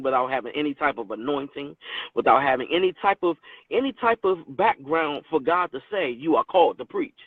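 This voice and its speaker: A man's voice: medium pitch, no room sound. Agreeable man on a tinny phone line. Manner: affirming, chimes in with agreement. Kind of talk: casual Bible study discussion.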